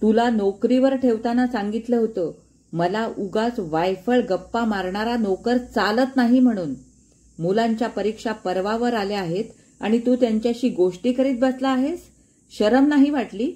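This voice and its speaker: A woman storyteller putting on a stern household father in full fury, voice raised and hot. He scolds in high, loud bursts, and the tone stays mellow and dark under the anger. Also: moderate pace, close to an everyday voice. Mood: furious scolding. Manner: shouting, scolding.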